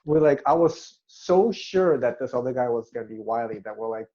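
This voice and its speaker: A man telling stories in a relaxed way, quoting what people said. His voice is mellow and dark. The sound is dull and lo-fi. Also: mid-range voice, fairly quick. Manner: relaxed storytelling with quoted asides. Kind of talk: casual reunion chat.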